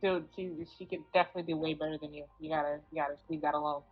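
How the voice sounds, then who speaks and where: A woman with a lowish voice plays her character in a tabletop role-play game. She narrates in a casual, hesitant way. Her audio sounds dull, with faint music behind her. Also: fairly even intonation, racing. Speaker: player.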